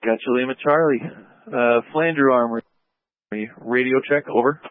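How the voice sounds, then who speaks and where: A man running radio checks as net control over a two-way radio, calling each station in steady, formal radio procedure. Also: mid-range voice, normal speed, no echo. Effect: heard over a two-way radio. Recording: narrow dry radio transmission.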